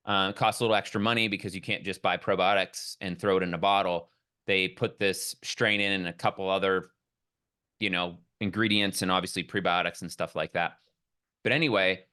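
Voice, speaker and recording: Bright-voiced man telling a rambling story. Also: deep voice. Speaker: podcast guest. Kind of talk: casual podcast conversation.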